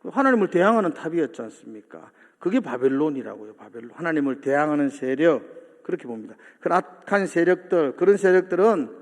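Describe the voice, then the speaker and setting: A man's voice: on the high side, very animated, fairly quick. A male pastor preaching a sermon in a church, often asking the congregation questions and seeking their agreement. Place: church sanctuary. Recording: long hall reverb from a church.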